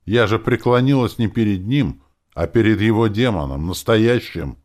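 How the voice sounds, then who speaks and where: A man voicing a defiant, sharp-tongued young woman. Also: fairly low pitch, animated, moderate pace, pitched above the performer's own voice, natural voice. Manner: sharp, mocking, insistent. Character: bold headstrong young woman, defiant daughter.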